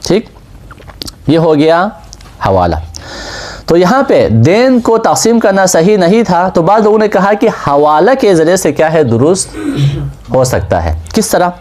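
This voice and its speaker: Male seminary teacher, lively rising and falling pitch, slightly high voice, asks and answers his own questions. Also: pauses often. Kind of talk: classroom lecture on Islamic law.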